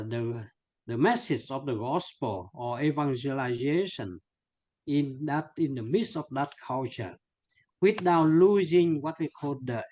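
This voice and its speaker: A man in his sixties with a Vietnamese accent, speaking as a priest guest in an earnest, halting interview, often pausing to search for words. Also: on the high side, darkish tone, no echo. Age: 60s. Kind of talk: conversational interview.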